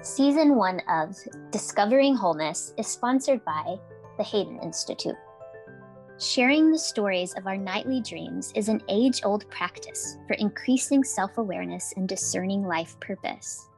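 A woman co-host reads scripted podcast copy in a medium-pitched voice. There is music behind her. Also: animated, normal speed, darkish tone. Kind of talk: scripted sponsor read and introduction.

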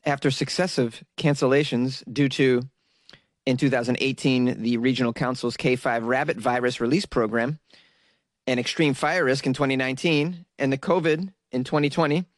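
A solo news commentary host reads articles aloud in a casual way, then veers off into sarcastic, rambling jokes directed at his viewers. His voice is mid-range, and the recording is dry with a clean studio sound.

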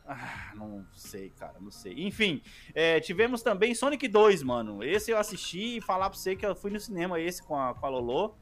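A man's voice: high voice, big pitch swings, brisk, hardly any pauses. A man with a Brazilian accent hosting a casual podcast chat in a slangy, exclamatory way. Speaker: podcast host.

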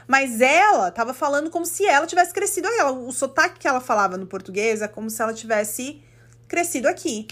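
Animated Brazilian woman telling a story. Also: high voice, fast talker. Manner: animated, indignant, acts out quotes. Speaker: podcast host. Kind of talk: casual storytelling monologue. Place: living in the United States.

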